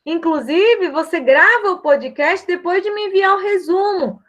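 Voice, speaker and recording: High-voiced Brazilian woman lecturer. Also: measured pace, fairly bright tone. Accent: Brazilian Portuguese. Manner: chatty, repeats "tá?" and "né?" often. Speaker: university lecturer. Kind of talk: recorded course guidance.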